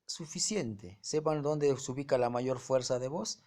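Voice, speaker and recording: A male teacher goes through a grammar point for his class. He explains at a steady, ordinary pitch and keeps asking quick rhetorical questions to check that his students follow. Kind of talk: online class lesson.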